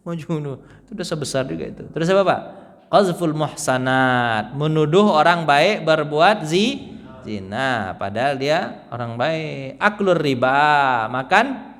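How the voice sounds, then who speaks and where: A man teaching a mosque study session, lively, joking and quizzing the audience. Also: on the high side, a little slow. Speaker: Islamic teacher. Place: mosque hall. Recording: long hall reverb.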